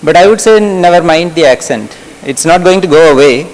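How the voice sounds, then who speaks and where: A middle-aged man from Kerala speaks with a Malayali English accent and a fairly high voice. He talks in a relaxed, conversational way as he gives a workshop lecture and asks the audience questions. His voice rings with the long reverb of a lecture hall. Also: brisk. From Kerala, India. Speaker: medical lecturer.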